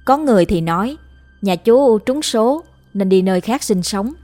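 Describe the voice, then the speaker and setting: A woman reading a ghost story aloud as a storyteller in steady scripted narration. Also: mid-range voice, normal speed. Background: faint music.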